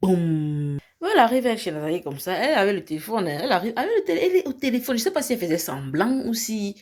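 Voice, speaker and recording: A woman's voice: a little high, big pitch swings, racing, darkish tone. A woman, a vlogger recapping a reality show in a casual storytelling way. She acts out the people she retells and drops into English phrases.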